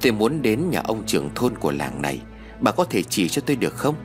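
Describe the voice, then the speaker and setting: A kindly old sorcerer speaks in a slow, solemn, husky tone, voiced by a man reading a storybook. His low voice moves with plenty of melodic rise and fall. Soft music plays underneath. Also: sing-song. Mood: calm. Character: kindly old male sorcerer, calm and wise.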